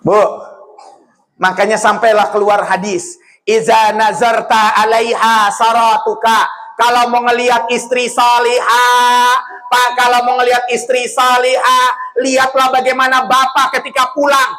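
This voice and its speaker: A man preaching a sermon, animated and often shouting, joking with his audience and quoting Arabic phrases. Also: extremely high pitch, moderate pace, rough recording.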